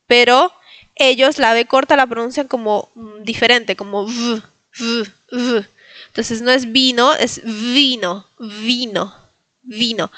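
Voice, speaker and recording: A woman's voice: a little high, sharp tone, clean tone, no echo. A woman from Latin America teaching Polish pronunciation to Spanish speakers, patiently repeating each word for learners. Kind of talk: pronunciation lesson.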